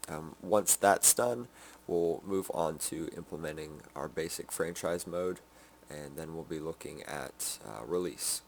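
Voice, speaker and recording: A sleepy man giving a casual game development update, halting with many ums and restarts. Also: rumbling low, creaky, a little hiss or hum. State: sleepy, yawning.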